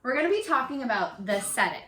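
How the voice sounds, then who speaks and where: In a living-room home video with a roomy, echoey sound, a bright-voiced woman pitched fairly high reads aloud to children the way an elementary teacher would. Her delivery is unhurried, expressive and encouraging, with big swings in pitch.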